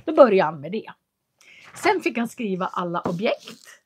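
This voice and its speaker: A woman's voice: medium pitch, very animated, darkish tone. Woman, live language teacher, articulates every word, patient explainer. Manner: clear, carefully articulated speech. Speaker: Swedish teacher. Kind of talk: live language lesson answering chat.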